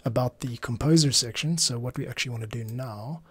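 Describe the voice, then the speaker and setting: A middle-aged man, a podcast audio editor and streamer, thinks aloud in casual work-along commentary while editing audio. His voice is medium-pitched, fairly quick, and a bit bright, captured by an arm-mounted mic close to his mouth in a small home studio, with keyboard and mouse clicks clearly audible.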